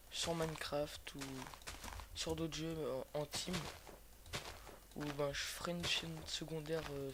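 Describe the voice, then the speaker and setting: A young man giving casual, slangy gameplay commentary, hesitant and sweary, his voice sick from a sore, swollen throat. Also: fairly high pitch. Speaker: gaming video host. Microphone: cheap computer microphone. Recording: noisy cheap microphone with clicks.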